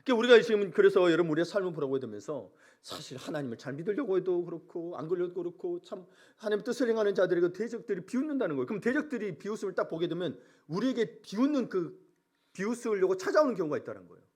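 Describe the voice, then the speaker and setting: A male pastor preaching a sermon in an animated way, acting out prayers and mocking voices as he goes. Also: high voice, rapid-fire.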